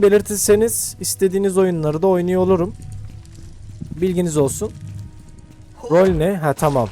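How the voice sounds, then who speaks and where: High-voiced young man narrating gameplay. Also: warm tone. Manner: chatty, slangy, thinks aloud while playing. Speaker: gaming YouTuber. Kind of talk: casual let's-play commentary.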